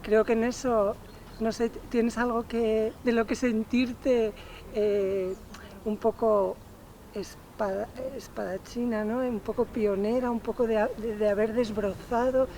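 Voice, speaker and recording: A woman's voice: a little high, fairly even intonation, a little slow, mellow, a little hiss or hum. A woman interviewing, searching for her words with many restarts. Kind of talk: interview questions.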